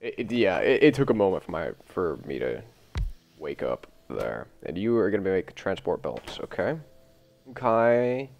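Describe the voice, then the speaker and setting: A man with a deep, gravelly voice, groggy from an early morning session, rambling through casual gameplay commentary and talking to the machines he builds. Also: big pitch swings, normal speed, highs cut off, soft background music. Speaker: gameplay video host.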